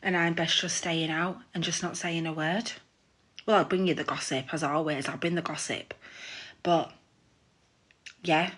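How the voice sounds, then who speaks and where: A woman's voice: sits low, fairly even intonation, unhurried, long pauses, a bit bright, breathy edge. A woman hosting a casual live stream from her room at home, chatting and gossiping into her phone, laughing at herself.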